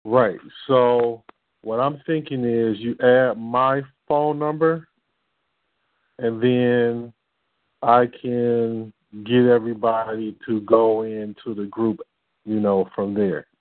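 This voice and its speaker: A man leading a church group's conference call over the phone, talking haltingly with many fillers and restarts. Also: medium pitch, fairly even intonation, dry recording. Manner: hesitant, full of fillers and restarts. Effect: heard over a phone line. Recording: tinny dry phone line.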